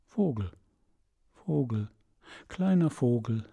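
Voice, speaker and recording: A man voicing a gentle, sorrowful prince statue in an audiobook fairy tale, speaking softly and tenderly. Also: animated, slow, gravelly, breathy edge, heavily acted. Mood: gently insistent. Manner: soft, low and tender.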